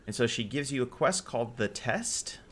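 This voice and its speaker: A man hosting a casual game server tutorial, relaxed and correcting his own slips as he goes. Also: medium pitch, normal speed, slightly rough. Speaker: game modding tutorial host. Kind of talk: casual screen-recorded tutorial.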